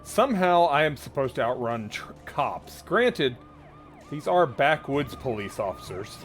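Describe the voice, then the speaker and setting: A man's voice: on the high side, wildly swooping pitch, unhurried, faint music behind. Wry, joking gameplay commentator man. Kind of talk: casual let's-play commentary.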